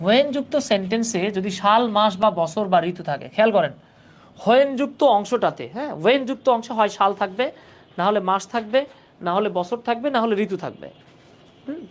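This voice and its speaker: With an animated, medium-pitched voice at a moderate pace, this grammar teacher leads a live online job exam prep class, pausing often. Patient and repetitive, she goes over points again and regularly checks that everyone understands.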